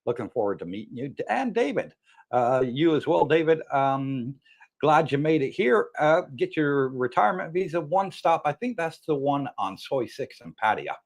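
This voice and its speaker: A man's voice: a little high, very animated, normal speed. A man with missing teeth that give his speech a slight lisp, hosting a casual live chat and chummily addressing viewers. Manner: chummy, greeting viewers by name. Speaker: livestream host.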